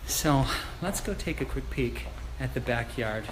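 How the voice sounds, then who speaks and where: A man's voice: mid-range voice, animated, unhurried. A man working as a real estate agent, chatting casually and with enthusiasm to live viewers as he walks through a house tour. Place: walking through a large house and its outdoor areas. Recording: noisy live phone video, ambient traffic noise.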